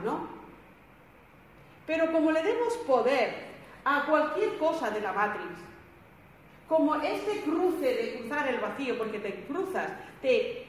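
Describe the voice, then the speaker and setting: Woman, emphatic spiritual speaker, slightly high pitch, long hall reverb with faint noise. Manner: emphatic, repeats phrases, acts out quotes. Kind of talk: spiritual talk to a group. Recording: echoey hall, some background noise.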